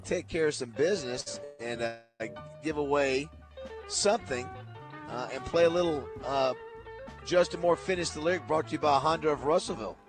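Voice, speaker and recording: A man with a fairly high voice hosts a morning radio show. He chats casually and haltingly, with music clearly audible behind him. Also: poor audio.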